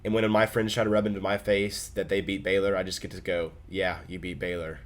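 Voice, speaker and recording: A young man from Oklahoma telling a funny story to his vlog camera in a casual, animated way, with quick asides. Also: fairly low pitch. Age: young adult. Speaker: vlogger.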